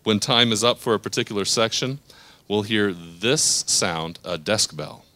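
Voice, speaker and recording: A man moderating a live interview on a theater stage, with a measured, announcer-like delivery. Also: lowish voice, sharp tone, no echo.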